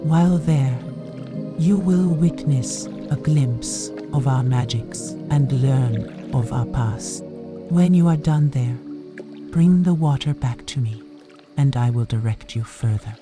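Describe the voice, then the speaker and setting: A man playing a wise, kindly night elf druid mentor with formal, measured speech in a fantasy game. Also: mid-range voice, close to an everyday voice. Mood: grave, kindly. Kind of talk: scripted fantasy game dialogue. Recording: music behind the voice.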